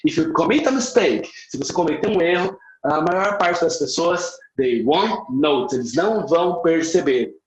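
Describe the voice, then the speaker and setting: A man's voice: a little high, expressive, normal speed, hardly any pauses. A middle-aged Brazilian man with a Brazilian accent, teaching English in a live online class. He switches between English phrases and their Portuguese translations and stretches key words for emphasis. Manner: says phrases in English, then repeats them in Portuguese. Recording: echoey room, slightly dull sound.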